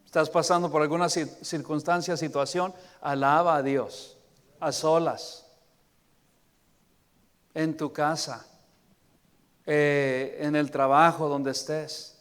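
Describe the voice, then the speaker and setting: A man preaching a sermon as pastor, moving between emphatic exhortation and soft, prayerful words. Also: on the high side, fairly even intonation, slow pace, pauses often, clear, resonant tone. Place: church sanctuary. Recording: long reverb of a church hall.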